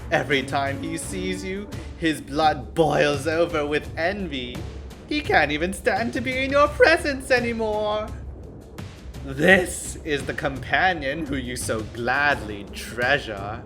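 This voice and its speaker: Playing a scheming young noble villain in a visual novel, an actor delivers goading, mock-sweet, haughty taunts with theatrical smugness. His fairly high, lively voice moves slowly and has a sharp tone, in full character voice, with faint music behind.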